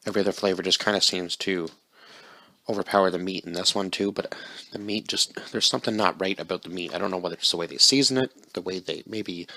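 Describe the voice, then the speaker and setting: Deep gravelly guy rambling through a food review vlog, kinda unsure. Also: sharp tone, no room sound. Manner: rambling, unsure, talks while eating.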